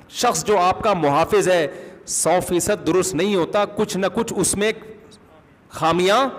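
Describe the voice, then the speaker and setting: Man, religious scholar, conversational lecture, fairly high pitch, long reverberant hall. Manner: conversational, asks listeners questions.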